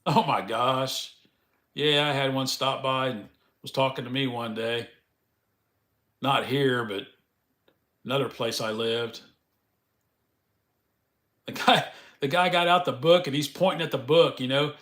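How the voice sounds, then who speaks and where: A man's voice: mid-range voice, fairly even intonation, a little slow, pauses often, a bit bright, roomy sound. A man hosting a casual live stream, chatting in a folksy way with the viewers and laughing often.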